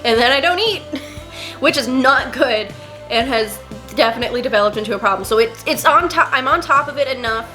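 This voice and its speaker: A woman's voice: a little high, bright, forceful tone. A young woman vlogger with a stuffy, nasal voice from a cold, rambling casually with stuttering restarts. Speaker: lifestyle vlogger. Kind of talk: casual chit-chat vlog.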